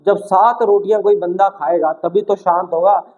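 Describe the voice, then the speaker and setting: A young man teaching exam vocabulary in a lively classroom style, asking questions and answering them himself and acting out little stories. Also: high voice, normal speed, dull audio. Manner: acts out little stories with shouted quotes. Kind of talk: energetic classroom-style video lesson.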